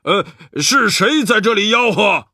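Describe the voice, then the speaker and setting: A man doing husky blustering ox-headed demons. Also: high voice, expressive, measured pace, bright, forceful tone, no room sound, clean studio sound, voice pushed up, exaggerated voice. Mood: challenging. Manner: blustering, startled. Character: gruff rhinoceros demon minions, jumpy.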